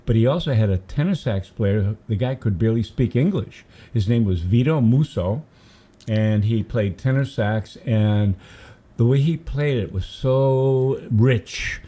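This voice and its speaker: A man's voice: mid-range voice, measured pace, warm tone. An older man from Massachusetts, a guest radio DJ rambling enthusiastically in casual studio chat, humming tunes as he tells stories. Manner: rambling, enthusiastic storytelling, hums melodies.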